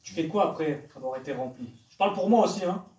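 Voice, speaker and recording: An evangelist preacher addresses young people in a church hall, challenging them with direct questions. He has a mellow, expressive voice on the high side and keeps a quick pace, captured from a distance amid the hall's echo.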